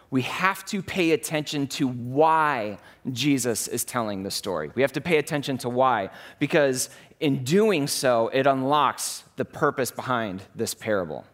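A man's voice: mid-range voice, a bit bright. A man in his thirties giving a conversational, enthusiastic sermon as a pastor.

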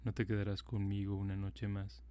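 A man voicing a gentle, sorrowful statue prince in a calm, even storybook reading. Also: fairly low pitch, normal speed, lightly acted. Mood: tender.

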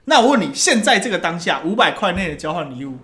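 High-pitched, bright, animated male host. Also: fast talker. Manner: crude, profanity-laced teasing. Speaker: talk show host. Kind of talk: casual comedic banter.

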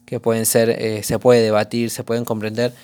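A man with an Argentine accent, hoarse, rambling through a casual commentary vlog with lots of slang and fillers. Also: medium pitch, level tone, normal speed, a little mellow. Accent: Argentine Spanish. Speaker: vlogger.

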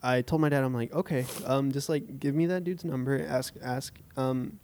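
A man's voice: mid-range voice, steady tone, moderate pace, darkish tone, a little hiss or hum. A young man chatting casually and telling a rambling story, full of fillers and restarts. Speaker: coffee shop employee. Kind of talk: casual chat.

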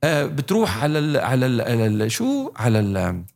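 A man's voice: mid-range voice, huge pitch swings, a little fast, creaky, a little mellow. A man chatting casually and animatedly, mixing in English words and laughing often. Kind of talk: casual chat.

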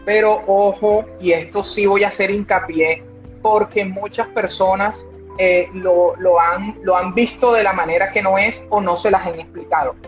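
A woman's voice: medium pitch, steady tone, normal speed. A woman speaking as a guest specialist on child behavior, emphatic, repeating key phrases and giving examples. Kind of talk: explanatory interview talk. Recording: dull lo-fi audio with faint music.

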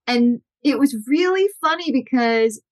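A woman in her forties, a guest in an interview, telling lively anecdotes and acting out the people she quotes. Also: high voice, a little slow. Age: 40s. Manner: animated, acts out quotes with shifting voices. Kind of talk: storytelling interview.

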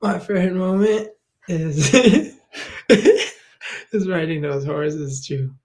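A young Thai man is a podcast guest in a casual conversational interview, talking in a laid-back, rambling way with many fillers and restarts. His voice is high and a little mellow, with lively intonation, and he speaks extremely slowly.

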